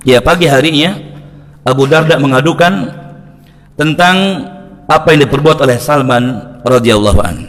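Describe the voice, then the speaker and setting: A man preaching to a mosque congregation, joking, laughing and acting out quoted lines. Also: fairly high pitch. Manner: lively, jokes and laughs with the congregation, acts out quotes. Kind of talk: mosque study sermon. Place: mosque hall. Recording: long hall reverb.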